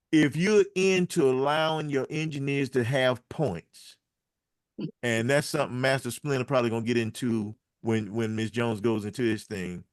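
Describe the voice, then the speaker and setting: A man in the middle of a music business panel, rambling loosely from one point to the next and calling the crowd y'all. His voice sits at an ordinary pitch, and the recording is dry and close with no room sound. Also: dry recording. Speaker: music producer and panel speaker. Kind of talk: casual panel talk.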